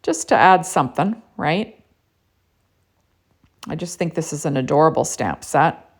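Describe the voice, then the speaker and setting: A woman's voice: deep voice, expressive, measured pace, gravelly. A woman narrating a casual card-making tutorial in a chatty way, with lots of "you know" and "right?".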